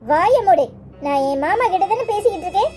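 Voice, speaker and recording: A woman voicing a sharp-tongued young village wife in a cartoon comedy, with a Kanyakumari Tamil accent and a scolding manner. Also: very high voice, expressive, fairly quick, soft background music. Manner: scolding, dismissive.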